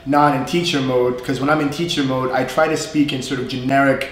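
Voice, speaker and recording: A man with a New York accent talks through an English lesson in a loose, chatty way, laughing as he goes. His voice sits at an ordinary pitch. The room is echoey, with faint hiss behind him. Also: steady tone, brisk. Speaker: English teacher. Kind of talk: casual live lesson chat. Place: room in a language school.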